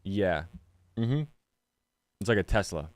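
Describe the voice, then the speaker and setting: A man co-hosting a sports betting podcast, laid-back and giggly, with a halting delivery. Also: low voice, expressive, no echo, clean studio sound. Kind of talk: casual podcast talk about bets.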